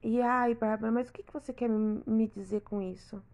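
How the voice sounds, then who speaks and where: Earnest woman, mellow voice. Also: fairly high pitch, steady tone, a little fast, lo-fi sound. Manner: earnest, repetitive, talks straight to the listener. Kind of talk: reflective personal monologue.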